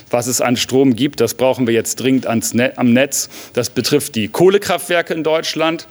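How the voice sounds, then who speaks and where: A male politician making an urgent, insistent statement. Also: mid-range voice. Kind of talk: press statement.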